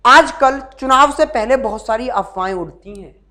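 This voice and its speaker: A man teaching an exam-prep class online, animated and firing rhetorical questions at his students while mixing in English words. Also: very high-pitched, moderate pace. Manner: mixes English words into speech.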